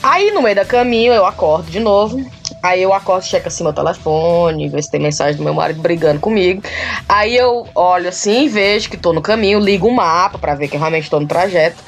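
A woman from Ceará with a Cearense accent, hosting a podcast and telling a story in casual, animated chat. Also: fairly low pitch, soft background music. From Ceará, Brazil. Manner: animated, laughing, drawn-out storytelling. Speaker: podcast host.

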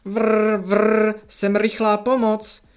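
A storyteller voicing a mischievous, bossy little girl who talks in a playful, excited way. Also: medium pitch, natural voice. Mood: gleeful.

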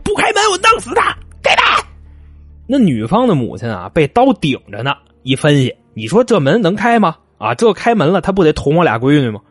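A man's voice: mid-range voice, no room sound. A man telling a true crime story in a chatty, folksy way, with asides to the listener. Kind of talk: colloquial spoken crime storytelling.

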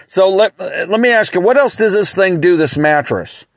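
A man voicing a male interviewer who asks a mattress salesman probing questions in a lower, different-sounding voice. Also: expressive, moderate pace, gravelly, dry recording. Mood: curious.

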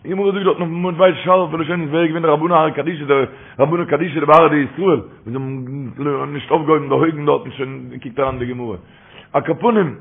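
A man's voice: on the high side, breathy edge. A man giving a religious talk with stories, repeating his phrases as he tells them. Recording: tinny phone-line recording.

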